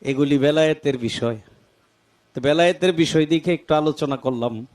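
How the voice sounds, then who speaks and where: A man preaching a storytelling sermon in a high voice. He speaks to his listeners directly and calls them "baba". His pitch lifts and drops dramatically as he tells the story. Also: normal speed, darkish tone. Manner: colloquial, addresses listeners as "baba", voice rises and falls dramatically.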